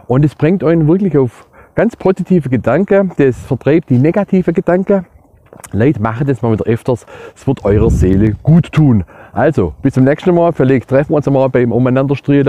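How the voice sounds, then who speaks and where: A man speaks with a Swabian accent in a soft, mellow tone at a middling pitch. He explains things in a casual, colloquial vlog style, talking straight to his listeners. The sound is dry and close. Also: no room sound. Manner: colloquial, addressing listeners directly. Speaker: dialect explainer.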